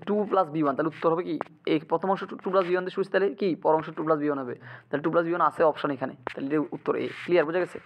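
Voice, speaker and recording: Brief: male tutor, quick and high-pitched, drilling grammar rules over faint hiss. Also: lo-fi sound. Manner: keeps checking students understand with quick asks. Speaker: English grammar teacher. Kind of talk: exam-prep lecture.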